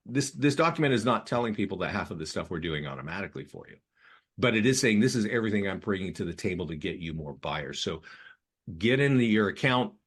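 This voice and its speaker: A man hosting a live online training, talking fast with frequent restarts and pitching tools to real estate agents. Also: breathy edge. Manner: rapid, repetitive, restarts often. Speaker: webinar host.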